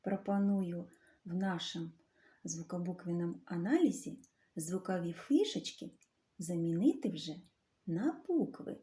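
A woman teaching a literacy lesson to young children. She talks slowly and clearly and draws out the sounds. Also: lowish voice, dark tone. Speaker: primary school teacher.

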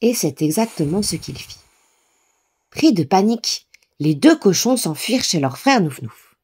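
A woman narrating a children's story in a lively, expressive reading voice. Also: lowish voice, measured pace, husky.

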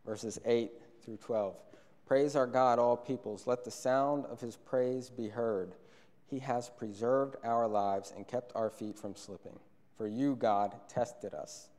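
A man's voice: medium pitch, fairly even intonation, takes it slowly, mellow. A young man preaching a sermon from a church pulpit into a stand microphone, earnest and repeating key phrases for emphasis. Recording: long church hall reverb.

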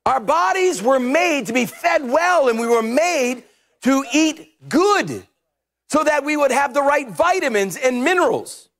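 A middle-aged man preaching a humorous, animated sermon on a church stage with a headset mic, now and then shouting his points. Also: very high-pitched, measured pace. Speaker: pastor.

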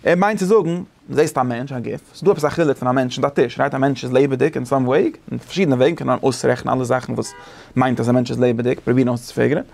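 A man teaching a casual study lesson, animated and thinking aloud with many restarts. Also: medium pitch, racing, vocal fry.

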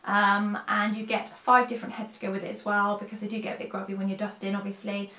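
A woman's voice: mid-range voice, little pitch movement, fast talker, bright, forceful tone. A tired woman chatting casually through a cleaning product haul, rambling and correcting herself as she talks at home. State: tired, unwell. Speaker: cleaning vlogger. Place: room at home with a dresser. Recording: echoey home room.

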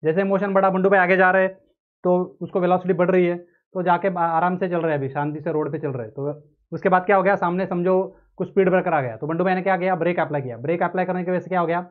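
A man's voice: high-pitched, steady tone, fast. A man giving a classroom lecture on engineering. He explains with everyday examples and asks questions that he answers himself. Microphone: close mic. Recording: tinny narrow-band audio.

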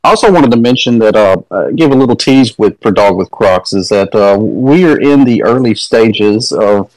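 Laid back meme coin guy in an audio chat, lowish voice, dry sound. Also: lively intonation, moderate pace, a little mellow, no echo, poor audio. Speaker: meme coin team member. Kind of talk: casual online audio chat.

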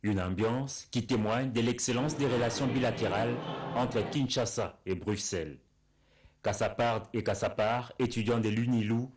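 A man narrates a television news story in a steady, formal reading. His voice sits a little low and stays even throughout. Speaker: news reporter.

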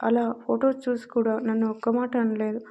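Woman reading as a hurt young wife, upset and questioning, fairly high voice, mellow tone, dull lo-fi sound. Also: flat delivery, normal speed.

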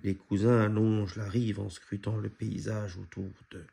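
A man reads a children's adventure book aloud at an even, storytelling pace. His voice is low, gravelly and husky. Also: a little slow. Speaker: storybook reader.

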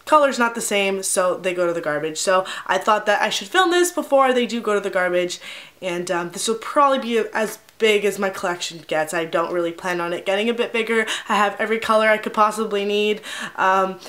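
A woman's voice: mid-range voice, brisk, fairly bright tone. A young woman chatting casually as a beauty vlogger, with lots of ums and likes, recorded in her home bathroom with an echoey sound. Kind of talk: casual chat.

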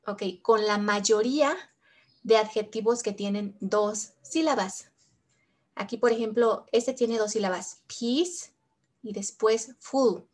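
A woman's voice: mid-range voice, slow. A woman teaching English grammar, patiently repeating each example in two languages. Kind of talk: bilingual grammar lesson.

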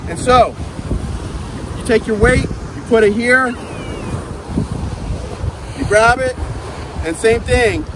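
An upbeat fishing-channel host in his thirties demonstrates a cast net outdoors on the sand, chatting while he works it and repeatedly saying "guys" and "okay" to his viewers. His voice is extremely high, and he talks slowly with long pauses, with outdoor beach sounds in the background.

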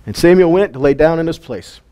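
A man's voice: on the high side, fairly quick, mellow. A man giving a casual sermon teaching, retelling Bible stories in a folksy, plain-spoken way.

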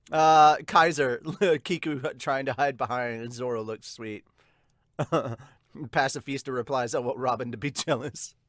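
A man in his thirties, his voice on the high side and a bit bright, hosts a casual manga review chat and reads out viewer comments. The recording is dry, made close on a large pop-filtered desktop mic in a small home room with bookshelves.

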